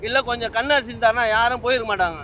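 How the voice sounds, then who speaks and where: A party supporter speaking outdoors on a street in a mocking, boastful way. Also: male voice, very high voice, racing, bright, forceful tone.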